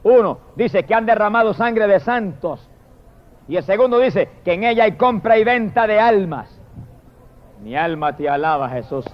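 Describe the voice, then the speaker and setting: A man preaching a fiery sermon, swinging from shouted hallelujahs to low murmured praise. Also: animated, normal speed. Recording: dull lo-fi recording.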